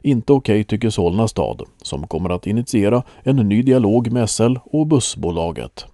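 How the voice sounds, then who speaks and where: Male news reader, mellow tone, even delivery. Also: on the low side, no echo, clean studio sound. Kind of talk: read news report.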